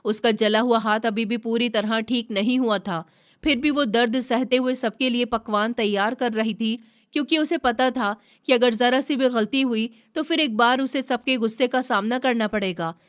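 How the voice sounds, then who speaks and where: A woman reading a first-person story aloud in a steady, earnest narration. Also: a little high, normal speed.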